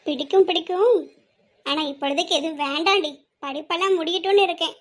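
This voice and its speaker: A woman's voice: extremely high pitch, quick pace. A woman voicing a shy, hesitant schoolgirl. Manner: hesitant, shushing, evasive. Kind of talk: amateur audio drama.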